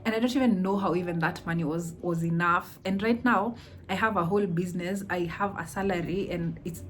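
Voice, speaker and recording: Young kenyan woman vlogging, fairly low voice, chatty storyteller, switches into swahili a lot, faint hiss behind. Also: brisk. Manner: animated, mixes Swahili into English, laughs often. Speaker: vlogger, entrepreneur. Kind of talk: casual storytelling vlog.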